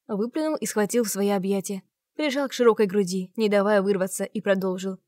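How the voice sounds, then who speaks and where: A woman reading a first-person romance novel aloud, with an expressive, dramatic delivery. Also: mid-range voice, a little fast, no room sound, studio quality. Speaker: audiobook narrator.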